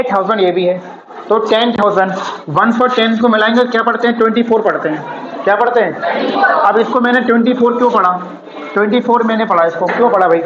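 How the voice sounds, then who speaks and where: A high-pitched man teaching a maths class in a classroom. He explains step by step, repeats his points and keeps asking the class questions that he answers himself. The room is echoey and the recording sounds dull, with faint noise behind him. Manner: slow and repetitive explaining. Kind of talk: classroom lesson.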